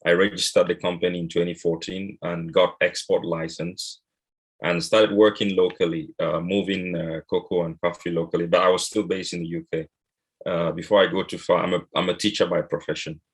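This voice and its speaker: A man from Cameroon speaking on an online panel, measured and pausing often with "uh". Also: deep voice, level tone, slightly rough. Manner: measured, with frequent "uh" pauses. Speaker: cocoa and coffee exporter.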